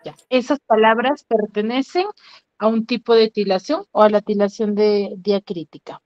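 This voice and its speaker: A woman's voice: medium pitch, fairly even intonation, normal speed, no echo. Patient woman teacher on a video call. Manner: patient, repeats questions to students. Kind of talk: online class teaching. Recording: dull lo-fi, dry.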